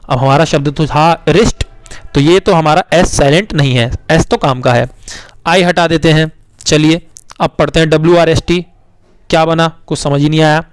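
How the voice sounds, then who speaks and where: A male teacher patiently explaining spelling to young children, coaxing them along and repeating words slowly letter by letter. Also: a little high, fairly even intonation, clean tone, no echo. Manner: coaxing, addresses children as beta.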